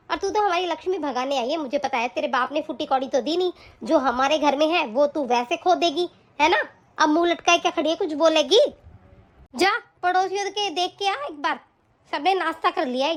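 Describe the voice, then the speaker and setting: A woman's voice: very high voice, a bit bright. A woman voicing a nagging, scornful middle-aged mother-in-law in a cartoon, scolding and taunting harshly. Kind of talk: cartoon voice acting.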